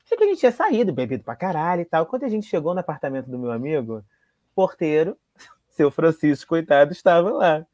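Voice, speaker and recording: A man's voice: a little high, fairly quick, no echo. A man, chatting casually and telling funny stories, laughing as he goes. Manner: animated, laughing storyteller with dramatic asides. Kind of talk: casual chat, storytelling.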